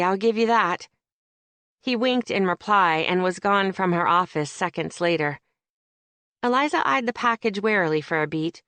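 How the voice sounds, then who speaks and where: A woman narrating a romance audiobook in an expressive, wry storytelling manner. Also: on the low side, clear, resonant tone, no echo. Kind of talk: scripted narration.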